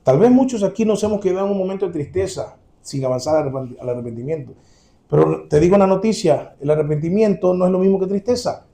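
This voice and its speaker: A man's voice: sits high, fast, mellow. A man preaching a sermon to his congregation, earnest and direct, repeating his key points.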